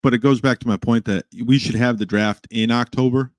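Man, sports podcast co-host, excitable, stammery restarts, dry sound. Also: medium pitch, fairly quick, no room sound. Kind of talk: casual sports podcast chat.

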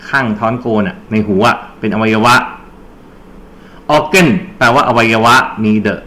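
A man's voice: mid-range voice, animated, a little slow, pushed and bright. A man teaching an English grammar lesson for exam preparation, explaining step by step and quizzing his students with prompts. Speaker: English tutor.

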